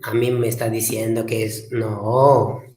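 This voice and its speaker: A man teaching a language class, slowly repeating key words for emphasis. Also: lowish voice, level tone, mellow. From Peru. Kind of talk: classroom lecture. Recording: echoey room.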